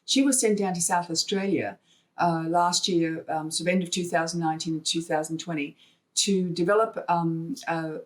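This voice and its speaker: Speaking at a normal speed in a fairly low, steady voice, this woman from Hong Kong guests on a podcast. An artist who raises funds for wildlife, she chats through stories and replays bits of conversations she remembers.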